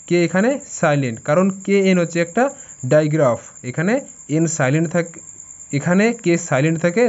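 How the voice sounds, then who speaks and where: High-voiced Bengali man teaching English sounds. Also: a little mellow, dull audio. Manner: spells words letter by letter, checks in with "okay?". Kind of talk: explaining lesson to students.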